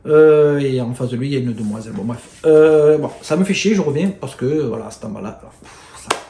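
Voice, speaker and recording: A man with a Marseille accent, chatting casually to camera about his bargain finds, excitable and rambling with lots of fillers and mild swearing. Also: medium pitch, a little fast, gravelly. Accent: Marseille French. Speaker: video host showing flea-market finds. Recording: echoey room with faint noise.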